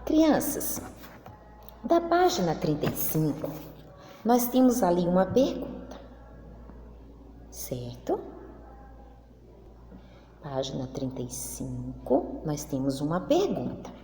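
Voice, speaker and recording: A woman teacher with a Brazilian Portuguese accent, reading a lesson to young children slowly and in a sing-song voice. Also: deep voice, sing-song, mellow, a little hiss or hum. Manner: slow, sing-song, exaggerated intonation for children. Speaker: primary school teacher. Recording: echoey room with long reverb.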